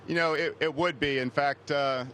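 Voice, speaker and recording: A man's voice: fairly high pitch, normal speed. A man speaking as an astronaut, giving explanatory interview answers from inside a space station. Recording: steady hum of spacecraft machinery.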